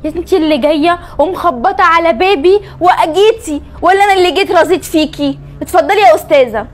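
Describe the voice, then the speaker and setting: An actress playing a jealous young Egyptian wife who is curt and sharp with guests, speaking with an Egyptian Arabic accent. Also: female voice, very high voice, fast talker. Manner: sharp and curt, then pleading. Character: jealous scheming young wife turning remorseful. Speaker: wife in a family drama. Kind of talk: Egyptian web drama acting.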